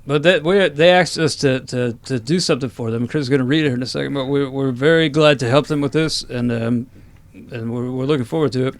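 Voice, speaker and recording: A man's voice: mid-range voice, quick pace, no room sound. A man co-hosting a casual podcast, laughing along and explaining things plainly. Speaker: podcast co-host.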